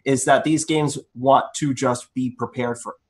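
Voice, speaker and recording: A man's voice: medium pitch, steady tone, measured pace. A man co-hosting a casual gaming podcast, joking and rambling through his asides. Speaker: podcast co-host.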